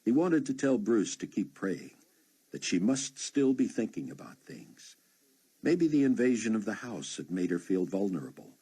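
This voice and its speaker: A man narrating an audiobook in an expressive, measured way. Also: lowish voice, husky.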